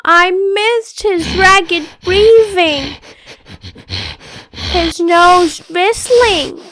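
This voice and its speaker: High, slow woman reading a kids' story. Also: no room sound. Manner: expressive, playful narration. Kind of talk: children's storybook read-aloud.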